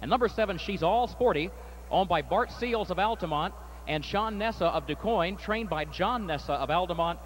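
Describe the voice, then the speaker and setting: A man announcing a harness race at an outdoor track, calling the field in a brisk, formal way. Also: high voice. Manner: rapid rising race call, steady formal post parade. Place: outdoor racetrack. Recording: faint outdoor noise.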